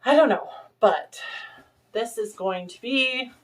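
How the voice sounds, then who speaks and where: A woman's voice: on the high side, takes it slowly. A woman hosting a casual vlog from her home sewing room, chatting in a rambling way and showing things to the camera. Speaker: vlog host. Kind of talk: casual chat.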